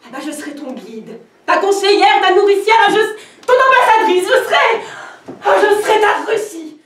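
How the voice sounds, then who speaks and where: Woman acting an intense tortured poet mom on stage, highish voice, lots of hall echo, far from the mic. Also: animated, a little slow. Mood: exalted. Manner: intense, swings from pleading to furious shouting. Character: anguished exiled woman poet, fierce mother. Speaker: actress. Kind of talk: stage play performance. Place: theater stage. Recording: echoey hall, miked from far off.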